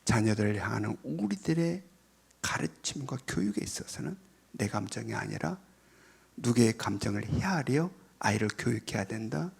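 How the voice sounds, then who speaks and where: Gravelly, lively-voiced male pastor preaching. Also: on the low side, moderate pace. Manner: swings between loud emphatic lines and whispered asides; repeats key phrases for emphasis. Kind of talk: sermon.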